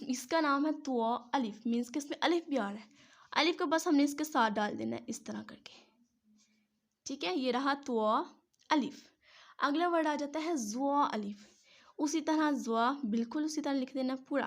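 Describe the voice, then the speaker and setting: A woman patiently teaching how to join Arabic letters, step by step, pausing often to check in. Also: sits high, a bit bright. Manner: patient, says "theek hai" between each step. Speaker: Quran teacher. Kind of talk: step-by-step writing lesson.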